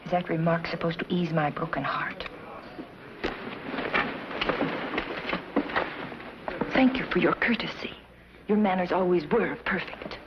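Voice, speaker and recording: An actress playing a proud, sharp-tongued young woman with a crisp, cutting way of speaking. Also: fairly low pitch, fairly quick, lightly acted. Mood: bitter. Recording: dull 1950s TV soundtrack with hiss.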